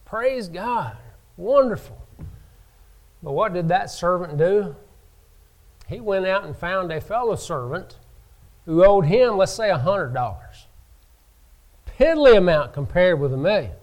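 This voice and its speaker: A man preaching a sermon from the pulpit, slow and emphatic, rising in pitch and volume to stress his points. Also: expressive, darkish tone. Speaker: pastor.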